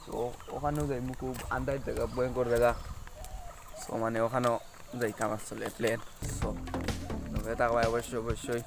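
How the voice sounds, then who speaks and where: Out on village roads, a young adult from Karimganj, India, a Sylheti-speaking area, chats casually to the camera in a Sylheti accent, often repeating what he says. His mid-range voice is creaky and flat, and he speaks briskly. It's an outdoor phone recording held at arm's length, with music underneath.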